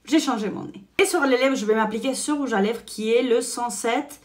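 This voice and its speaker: A woman's voice: a little high, normal speed. A young woman with a Spanish-influenced French accent, chatting casually through a makeup tutorial and dropping "en fait" often. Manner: chatty, frequent "en fait" fillers. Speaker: beauty vlogger.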